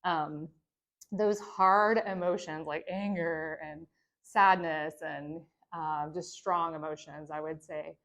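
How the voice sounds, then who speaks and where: A woman with a lowish voice gives a church training lesson. She talks in a loose, conversational way, checking in with her listeners and drawing on her own experience. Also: steady tone, takes it slowly, a bit bright. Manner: conversational, many fillers and tag questions; reflective, speaks from own experience. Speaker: teacher of a church training course. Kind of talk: teaching a lesson.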